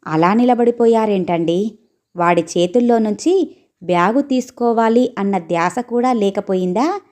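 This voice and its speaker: A woman doing a brisk, scolding middle-aged mother. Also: mid-range voice, a little mellow, close to an everyday voice.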